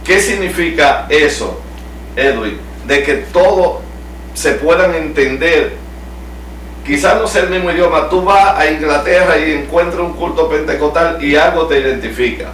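This middle-aged man from El Salvador talks at an ordinary speed, his voice a little high and a touch bright, with a Salvadoran Spanish accent. As a pastor running a Bible study at home, he teaches and asks the group questions. Captured by a far-off camera across a living room, the audio echoes and carries a faint hum.

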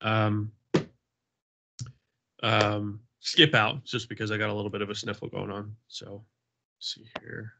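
Fairly low in pitch yet bright and forceful, this man's voice is flat and a little slow, with long pauses and slight background noise. Sniffling from a slight cold, he leads a Bible study by video call, offering earnest, repetitive prayer and casual chat over dull lo-fi audio.

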